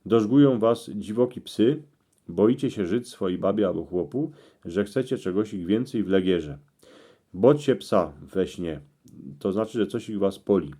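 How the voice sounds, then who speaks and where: A man with a Cieszyn Silesian accent reading out interpretations in dialect, in terse phrases with pauses. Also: fairly low pitch, lively intonation, dark tone. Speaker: presenter explaining dream meanings.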